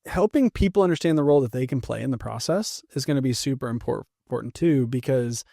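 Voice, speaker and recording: A man's voice: medium pitch, animated, fast, vocal fry, dark tone, dry recording, studio quality. A man co-hosting a podcast, talking animatedly, acting out quotes and often checking in with "right?". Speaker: podcast co-host. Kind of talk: casual podcast conversation.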